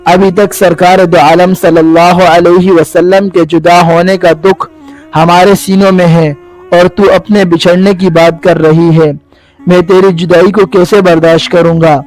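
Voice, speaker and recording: A man's voice: sits high, level tone, a little mellow, natural voice, poor audio. A man voicing a devoted husband who weeps and asks sorrowful questions. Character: grieving devoted husband, weeping and bewildered.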